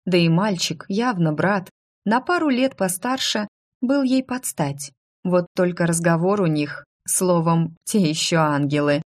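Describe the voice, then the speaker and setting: Low-voiced woman narrating a story. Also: measured pace. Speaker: audiobook narrator.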